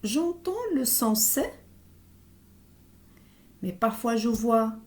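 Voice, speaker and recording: A woman leads a reading lesson for young children, sounding out each letter and syllable with deliberate care. Her voice sits a little high but has a mellow, soft tone. She speaks very slowly, leaving room for the class to answer. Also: lively intonation. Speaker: primary school teacher.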